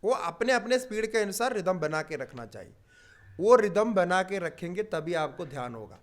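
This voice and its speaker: An older man teaching yoga philosophy, explaining patiently with everyday examples and pausing on drawn-out fillers. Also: sits high, very animated. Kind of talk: spiritual teaching talk.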